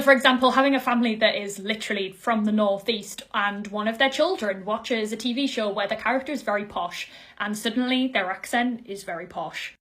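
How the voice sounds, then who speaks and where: A young woman from Northeast England with a softened Geordie accent, talking casually and earnestly to camera as a vlogger, with quick asides. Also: on the high side.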